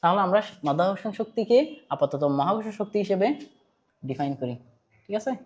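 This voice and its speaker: Bangladeshi-accented physics tutor, chatty lecture, repeats and quizzes, mid pitch. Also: lively intonation, fairly quick. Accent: Bangladeshi Bengali. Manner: conversational, quizzes students, repeats points, mixes in English terms. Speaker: physics teacher. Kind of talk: online class lecture.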